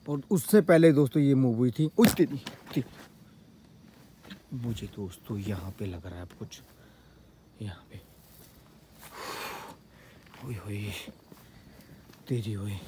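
A man filming a night ghost-hunting vlog outdoors on a handheld camera, jumping from startled loud cries to hushed whispers. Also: on the low side, slow pace, long pauses, noisy background. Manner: jumpy, exclaims often, switches between loud cries and hushed whispers. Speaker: paranormal vlogger.

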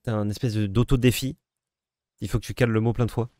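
A man's voice: fairly low pitch, fairly even intonation, fast, dark tone, no echo, clean studio sound. A man co-hosting a card game video, chatting casually, teasing his partner and thinking aloud as he plays. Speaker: co-host playing a card game. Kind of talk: casual gameplay chat.

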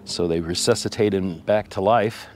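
Halting, tearful man over music. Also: deep voice. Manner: rambling, halting, with many ums and uhs. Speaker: RV vlogger. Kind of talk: casual vlog talk to camera.

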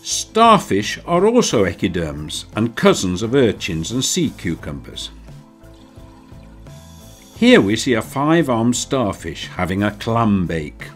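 A man reading scripted nature documentary narration in a measured, wryly playful storytelling manner. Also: on the low side, wildly swooping pitch. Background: background music.

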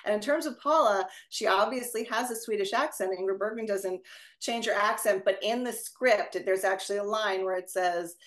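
Chatty woman leading a video call discussion. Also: medium pitch. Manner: chatty, digressive, quick asides. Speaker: discussion leader. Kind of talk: casual academic discussion over video call.

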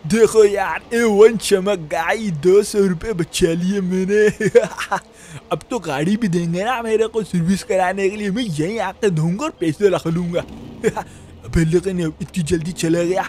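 A man's voice: high-pitched, unhurried, darkish tone. A young man with a Pakistani Urdu accent, voicing a broke, chatty shop helper in a GTA role-play who rambles to himself with frequent chuckles. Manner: rambling self-talk, frequent chuckles and "yaar".

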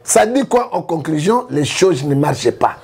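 A man from Congo with a Congolese French accent, giving animated political commentary full of rhetorical questions. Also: a little high, normal speed, gravelly, breathy edge. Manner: emphatic, rhetorical questions, frequent "hein?".

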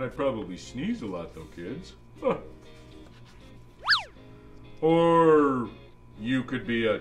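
A man playing a jolly old Santa Claus, reading a children's storybook aloud with playful, musing asides to the kids. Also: medium pitch. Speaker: storybook reader.

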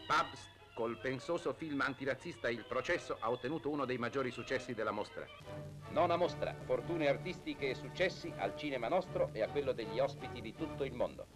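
An old newsreel narration from the late 1940s, read by a man in a formal, declamatory announcer style. Music plays clearly behind his voice throughout. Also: mid-range voice, a little fast, rough recording.

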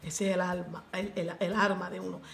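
A Puerto Rican woman giving a lively faith testimony as a radio guest, acting out the voices in her story and slipping into English. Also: on the low side, brisk, creaky, roomy sound. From Puerto Rico. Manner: animated storyteller, acts out quoted voices, mixes in English.

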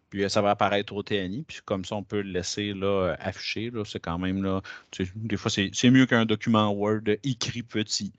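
Man, Québécois French accent, fairly low voice, dull dry headset sound, chatty software demo. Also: no echo. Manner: chatty, lots of fillers and hesitations. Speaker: educational technology trainer. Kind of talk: screen-share software demo.

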